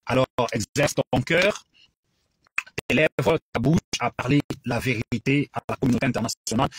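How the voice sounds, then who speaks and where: A Congolese man from the Democratic Republic of the Congo preaches emphatically and repetitively, switching between French and English with a Congolese French accent. His voice is medium-pitched at normal speed, on a low-quality recording with a little hiss or hum.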